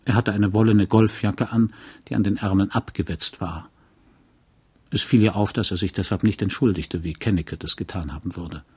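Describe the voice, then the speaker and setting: A man reading a novel aloud in a calm, measured narrating voice. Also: on the low side, breathy edge. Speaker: audiobook reader. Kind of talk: scripted literary narration.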